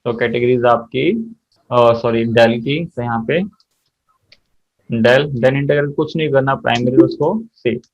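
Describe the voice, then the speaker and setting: A man leads a practical accounting lesson, talking his students through every click. He stops often to ask them what comes next. His voice sits at an ordinary pitch and sounds a little muffled and lo-fi. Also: fairly even intonation, measured pace. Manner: explains step by step, often checks students' answers. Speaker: accounting teacher. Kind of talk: software tutorial lesson.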